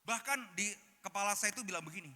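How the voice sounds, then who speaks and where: Speaking fast and animated, a pastor playfully fires questions at his congregation during an interactive conference sermon. His high, bright voice has a forceful tone, echoing through a large hall with music playing behind him.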